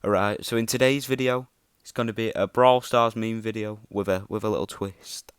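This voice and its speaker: A man casually introducing his video in a low-key, unbothered, mumbly way. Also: steady tone, moderate pace, clean tone, no echo, studio quality. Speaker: video creator.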